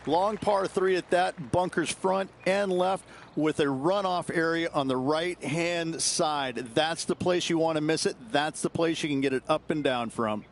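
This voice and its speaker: A man's voice: on the high side, a little slow, a little hiss or hum. A man playing a knowledgeable, matter-of-fact golf commentator who analyses the course.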